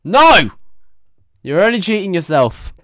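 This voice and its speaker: A man's voice: medium pitch, expressive, brisk, smooth, no room sound, clean studio sound. A man streaming a driving game, reviewing players' driving with playful, teasing banter. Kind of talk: live game commentary.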